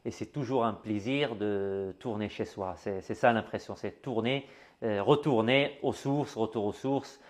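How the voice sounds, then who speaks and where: A middle-aged man from Algeria, a guest artist in an interview, speaking warmly and repeating words with many fillers. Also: lowish voice, a little slow. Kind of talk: interview conversation.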